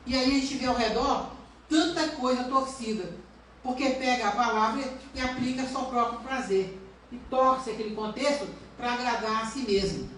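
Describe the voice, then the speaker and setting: Recorded from afar inside a church, a woman pastor preaches an earnest sermon, putting rhetorical questions to her congregation. Her voice is fairly high and fairly bright, delivered at a moderate pace, with a very echoey sound and slight background noise.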